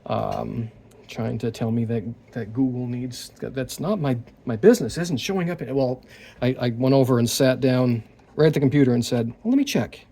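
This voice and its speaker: A man's voice: medium pitch, steady tone, normal speed, creaky, mellow. A man working as a guitar repair technician, talking casually through the job and muttering to himself between tasks. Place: repair workshop.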